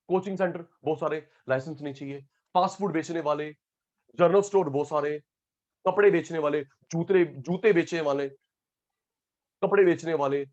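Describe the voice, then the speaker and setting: A man's voice: fairly high pitch, highs cut off. A male teacher running an online class, calling out students by name and repeating key terms again and again.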